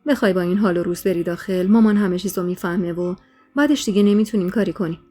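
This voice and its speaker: A woman's voice: fairly low pitch, warm tone, faint music behind, close to an everyday voice. A woman voicing a young husband who is evasive and pleading in a spoken story. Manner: placating, pleading.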